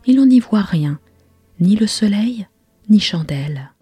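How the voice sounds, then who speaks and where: A woman's voice: mid-range voice, lively intonation, measured pace, dark tone, husky, no echo, soft background music, pitched above the performer's own voice. A woman voicing a tiny, plucky boy in a whispered bedtime storybook role-play, with eager exclaiming whispers. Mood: dismayed.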